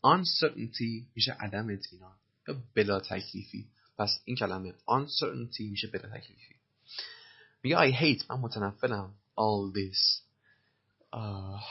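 A man's voice: on the low side, vocal fry, slightly rough, muffled recording. A man teaching English by explaining film lines, patiently repeating words and spelling them out.

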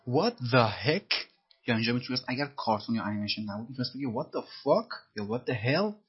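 A man teaching English, who slowly repeats phrases from film dialogue and then explains them. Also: medium pitch, highs cut off.

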